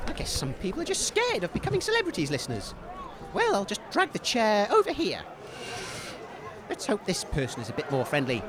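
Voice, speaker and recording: A man plays a hapless, eager radio host in a comedy, doing roving-reporter interviews amid outdoor crowd noise. His voice sits high with huge pitch swings and a brisk pace, and he's polite, hesitant and quickly flustered.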